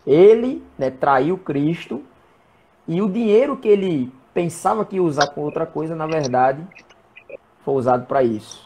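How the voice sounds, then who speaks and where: A man, a presbyter and guest, talking in a measured, hesitant way in a casual live chat about the Bible. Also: a little high, lively intonation, darkish tone, husky.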